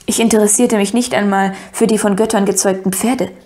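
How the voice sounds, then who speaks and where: A woman narrating a first-person audiobook in an even storytelling manner. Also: mid-range voice, fairly quick.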